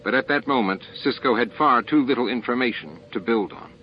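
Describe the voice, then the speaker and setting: Narrating a novel as a scripted audiobook, a man with a mid-range voice speaks a little fast. The sound is dull, cassette-like lo-fi with a little hiss or hum, and music plays in the background.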